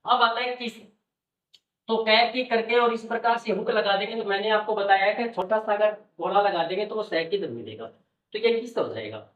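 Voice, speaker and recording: A man's voice: high-pitched, animated, normal speed, recorded from a distance. A man teaching shorthand at an easy pace, patiently walking through each sign and checking in with the viewer again and again. He sits back from the mic in an echoey room, and the sound comes through dull and muffled. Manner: patient, repeats "okay" and "look carefully" often. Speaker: stenography teacher. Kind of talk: classroom-style explanation.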